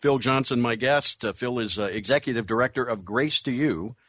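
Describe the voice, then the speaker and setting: A man's voice: medium pitch, a bit bright, no echo. Probing fifty-year-old male radio host. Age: 50s. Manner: halting and probing, hedged with fillers and restarts. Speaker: radio talk show host. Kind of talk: radio interview.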